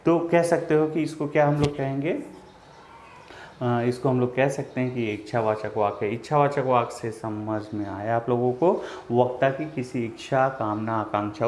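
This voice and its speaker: A man's voice: mid-range voice, darkish tone. A man teaching a grammar lesson, asking questions and answering them himself, acting out example sentences with repeats. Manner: acts out example sentences with repetition. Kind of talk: classroom-style lesson explaining to students. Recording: echoey room with faint background noise.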